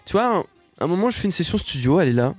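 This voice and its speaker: A man's voice: high voice, big pitch swings, very fast, darkish tone, no room sound. A man, a music producer, telling stories casually as a podcast guest, with lots of hesitation and restarts. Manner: rambling storyteller, many fillers and restarts.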